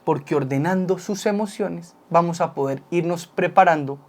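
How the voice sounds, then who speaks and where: A man's voice: a little high, moderate pace. A man, a psychologist co-hosting with his wife, giving casual advice and acting out quotes as he explains. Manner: explains with vivid everyday examples and acted-out quotes. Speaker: psychologist and co-host. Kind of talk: casual advice talk with spouse.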